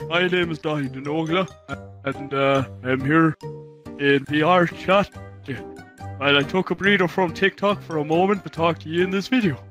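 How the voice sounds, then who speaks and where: Casting: man, bright and higher-pitched, casual video intro, faint music. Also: moderate pace.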